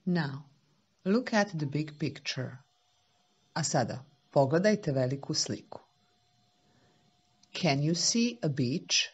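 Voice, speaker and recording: A woman, a native Serbo-Croatian speaker, teaching small children slowly and simply as if reading to a toddler, with patient questions and repetition. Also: low-pitched, lively intonation, husky, muffled recording. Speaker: English teacher for young children.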